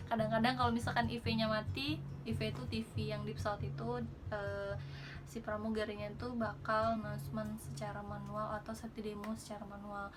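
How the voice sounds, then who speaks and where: A woman from Indonesia chatting casually in a tutorial vlog, informal and rambling, often correcting herself. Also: mid-range voice. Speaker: vlogger and flight attendant giving tips. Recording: loud music behind.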